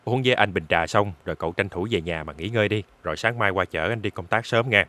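Man, kindly boss, friendly, commanding, quick, bright tone. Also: lowish voice.

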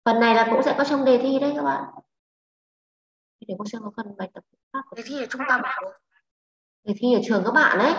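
A woman English teacher with a Vietnamese accent, leading a class online, brisk and prodding students with questions. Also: fairly high pitch, a bit bright, a little hiss or hum. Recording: echoey, lo-fi online class audio.

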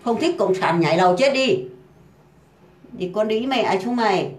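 This woman is ranting at full anger, coarse and profane, driving her insults home through repetition. Her pitch sits in the middle of the usual range. The room around her gives the voice a noticeable echo. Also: lively intonation, moderate pace. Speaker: housemaid ranting online. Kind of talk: angry profane rant. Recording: roomy echo.

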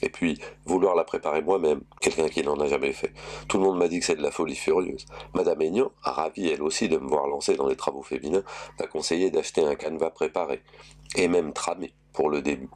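A man reading a novel aloud, telling a first-person story in a measured, wry way. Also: a bass voice, a little mellow. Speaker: reader.

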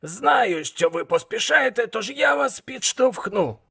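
A man voicing a scheming, haggling male devil trader in an audiobook, with a gravelly, husky voice and a nervous, wheedling manner. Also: sits high, lively intonation, a little slow, pushed and bright, pitched above the performer's own voice, full character voice.

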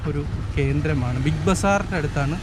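A man's voice: a little high, normal speed. A man with a Malayali accent from Kerala chats casually and informally as a vlogger on the move, often repeating his words. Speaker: food delivery rider and vlogger. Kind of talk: casual on-the-go vlog chat. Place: outdoors on busy city streets. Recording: clear outdoor traffic and street noise.

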